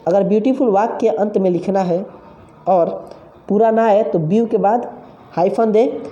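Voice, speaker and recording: Woman teacher explaining grammar real slow, very dark mellow voice, says every rule twice, examples. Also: medium pitch, highs cut off. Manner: repeats each rule twice, reads examples slowly. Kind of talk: slow dictation-style grammar lesson.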